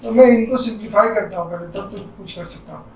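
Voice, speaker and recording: A man's voice: high-pitched, fast talker, darkish tone, roomy sound, distant mic, low-quality recording. A man teaching a physics lecture, working through a problem step by step, thinking aloud and correcting himself. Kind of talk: classroom lecture.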